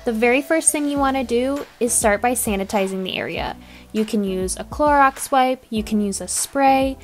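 A woman giving calm, clear instructions as a voice-over narrator. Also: on the high side.

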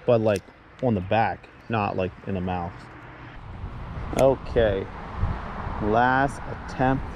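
A man vlogging a fishing trip outdoors, chatting casually and exclaiming excitedly at every fish. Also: on the low side, slow pace, muffled recording, background noise. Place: outdoors by the water. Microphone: action camera.

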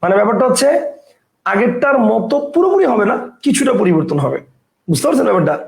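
A man teaching a grammar lesson, explaining step by step and often asking whether the point is clear. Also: sits high, big pitch swings, fast talker, echoey room.

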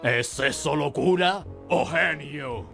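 A man's voice: a little high, slow pace, gravelly, bright, forceful tone, soft background music, heavily acted. An actor playing a grandiose pirate smuggler king in a video game, with a Castilian Spanish accent and a theatrical mustache-twirling villain manner. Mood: manic.

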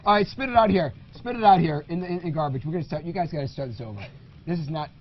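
A man hosting a casual party game, joking and energetic. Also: fairly high pitch, very fast, dull audio. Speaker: host.

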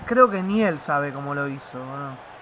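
A young man with an Argentine accent, commenting excitedly on a football video game with friends, teasing and swearing. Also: on the high side, unhurried, slight background noise. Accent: Argentine Spanish. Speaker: gaming youtuber. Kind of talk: casual gaming commentary with friends.

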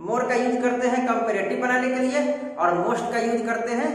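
A man's voice: very high voice, flat delivery, normal speed. A man teaching a grammar lesson. He asks the class questions and then answers them himself, mixing English terms into his explanation. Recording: echoey room, voice from far off.

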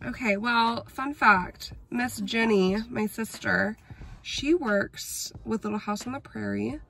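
A woman vlogging in a chatty, rambling way, her voice hoarse from a chest cold. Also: on the high side, takes it slowly, pushed and bright. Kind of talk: casual vlog chat.

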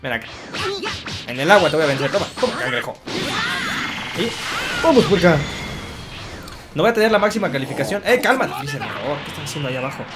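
A man giving excitable let's play commentary, taunting the enemy and cheering his character on. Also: on the high side, quick pace, pauses often. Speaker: gaming commentator. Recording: loud game music and effects behind.

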